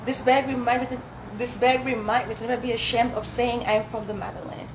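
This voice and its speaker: Performing live poetry before a dinner audience indoors, this young woman from Zambia, later the United States, speaks with an African accent and has Swahili as her native language. She talks a little fast in a fairly high, steady voice, amid echo and heavy background noise.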